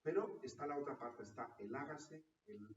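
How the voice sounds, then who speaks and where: Speaking at a normal speed in a voice on the high side, this priest delivers a teaching talk to his parishioners. He keeps checking in with listeners through a frequent questioning tag, and the sound from the parish hall or church room is roomy, distant, and dull.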